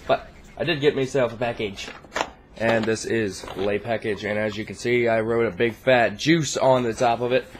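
A man's voice: mid-range voice, fairly even intonation, moderate pace, noisy background. A man hosting his gaming channel, giving casual, rambling gameplay commentary full of profanity. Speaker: YouTube gaming channel host.

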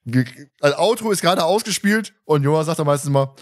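A podcast host moderating the questions keeps the chat casual, joking and chuckling often. His voice sits on the high side, with lively intonation and a quick pace.

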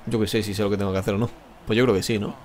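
Talking very fast in a level, fairly low, darkish voice, this male gamer streams live commentary with a Spain Spanish accent. He rambles, mocks himself and curses a lot as he plays.

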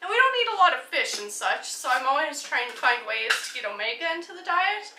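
This thirty-something mother sounds high and fairly quick, her pitch swinging widely as she casually explains her groceries for a vlog, laughing often. She's recorded indoors in her dining room by a camera mic across the table, giving a roomy, distant, noisy result.

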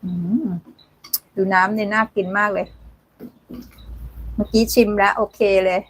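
A woman's voice: mid-range voice, little pitch movement, a little slow, a bit bright, a little hiss or hum. A woman hosting a casual live cooking stream from a home kitchen, chatting, laughing and thanking viewers as she cooks. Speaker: cooking livestream host.

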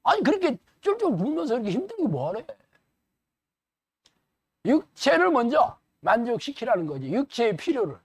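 A male pastor delivers a lively, colloquial sermon, peppered with rhetorical questions. His voice sits at a middle pitch. The recording is dry and close. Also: moderate pace, pauses often, breathy edge, no echo. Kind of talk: sermon lecture.

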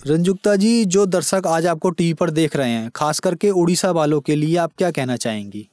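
A man conducting a formal interview, asking measured questions and addressing his guest politely. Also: a little high, darkish tone, no room sound, studio quality.

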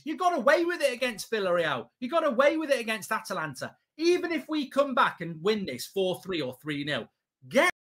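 Sharp, forceful football fan host ranting. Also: male voice, extremely high pitch. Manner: exasperated, emphatic, repetitive, swearing. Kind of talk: live match reaction rant. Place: small indoor studio set at a desk.

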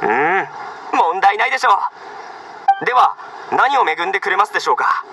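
An actor playing an excitable, presumptuous young man with a theatrical, pushy delivery in an anime game. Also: high-pitched, fairly quick, background noise. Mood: eager.

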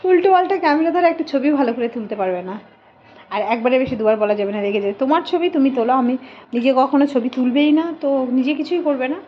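A woman's voice: sits high, expressive, very fast. A woman, chatting to camera in a rambling, self-correcting way as a vlogger. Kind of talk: casual chat to camera. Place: home, then street outdoors. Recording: muffled phone audio with loud traffic noise.

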